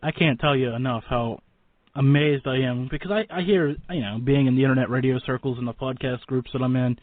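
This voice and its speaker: A radio show host with a mid-range voice talks fairly quickly while hosting a casual interview. He speaks informally, effusively, and ramblingly, and the dry audio has a narrow, phone-like radio sound with no echo.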